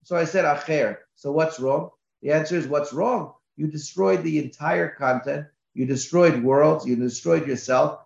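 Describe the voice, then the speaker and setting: A man's voice: on the high side, normal speed, creaky, few pauses, darkish tone. A man, a rabbi, giving a Torah class with emphatic repetitions, recorded lo-fi in an echoey room.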